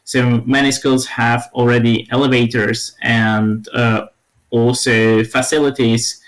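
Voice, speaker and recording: A young man from Slovakia, a podcast guest, answering questions in a halting way with many fillers. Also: mid-range voice, flat delivery, poor audio. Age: young adult. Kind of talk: casual interview talk.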